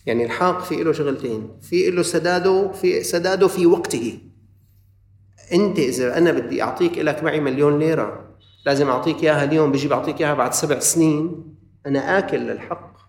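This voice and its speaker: Male preacher, Levantine Arabic accent, rapid impassioned sermon, higher-pitched voice, roomy echo, distant from the mic. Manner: impassioned, swings between loud urging and quiet earnest asides.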